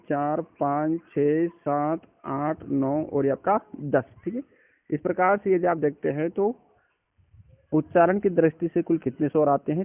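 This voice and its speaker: A man's voice: fairly high pitch, dry recording. A man teaching an exam-prep lecture who poses each point as a question and then answers it himself. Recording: dry, tinny phone-like recording.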